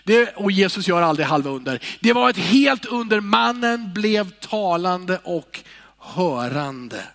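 A man preaching a sermon in a high-pitched voice. His delivery is expressive, rising to loud calls and dropping to sighing, near-whispered words. The sound carries a long reverb from a church hall. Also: soft background music.

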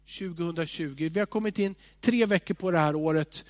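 A man preaching a sermon, swinging between loud emphatic lines and hushed, near-whispered ones. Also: fairly high pitch, dry recording. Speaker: pastor.

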